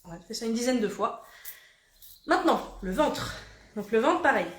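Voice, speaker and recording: A woman coach guides a quick morning self-massage routine, chatty and playful and ready to laugh at herself. She puts on a southern French accent, and her voice sits a little high. The recording has an echoey room sound. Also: expressive. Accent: put-on southern French. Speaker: body coach.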